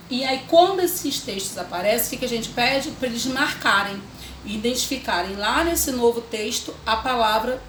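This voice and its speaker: A woman's voice: on the high side, slight background noise. A woman teacher, patiently explaining a literacy lesson to parents step by step, often checking in. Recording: echoey room with faint ambience.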